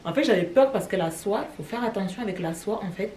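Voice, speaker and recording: A woman's voice: mid-range voice, expressive, quick pace, a little mellow, a little hiss or hum. A young woman from Cameroon with a French accent, chatting casually to her vlog audience, rambling with lots of fillers. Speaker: vlogger.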